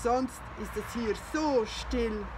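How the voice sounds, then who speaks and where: A woman voicing a kindly, patient old farmer, speaking in a calm, soothing way while reading a storybook aloud. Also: on the high side, slow pace, noisy background.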